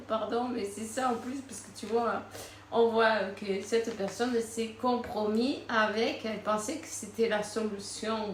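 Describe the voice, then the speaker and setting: A woman's voice: on the high side, fairly bright tone, roomy sound, slight background noise. A woman giving a casual spiritual card reading, chatting freely, laughing often and using many fillers. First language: Spanish. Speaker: tarot card reader.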